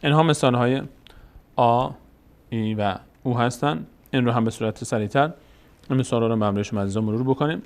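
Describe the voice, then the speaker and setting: A man teaching Quran reading. He draws out syllables slowly and repeats them, then explains the rules quickly. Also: medium pitch. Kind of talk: spelling out Arabic syllables in a recorded lesson.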